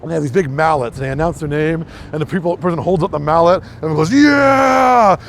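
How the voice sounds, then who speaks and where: A man's voice: fairly high pitch, fairly even intonation, racing, creaky, slight background noise. A man, chatty and enthusiastic, laughing often as he guides a walking tour through city streets outdoors.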